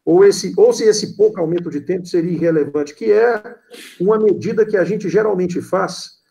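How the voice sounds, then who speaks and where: Gravelly Brazilian man moderating. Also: sits high, warm tone. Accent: Brazilian Portuguese. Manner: halting, reading out audience questions. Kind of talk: moderating an online lecture.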